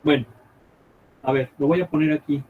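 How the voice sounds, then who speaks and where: A man teaching a math class live, thinking aloud as he draws on the board and checking often with quick questions whether the students follow. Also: on the high side, steady tone, phone-quality sound, slight background noise.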